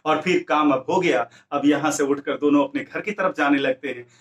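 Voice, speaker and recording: A man's voice: a little high, normal speed, reverberant. A male teacher explaining a story, switching between Hindi and English as he retells it.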